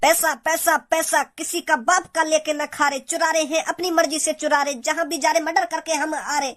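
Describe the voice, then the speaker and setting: A voice actor playing a greedy, bossy thief leader in a comedy cartoon, boastful and rough-tongued. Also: high-pitched, quick pace, pushed and bright. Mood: scheming. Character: greedy scheming thief boss, adult man.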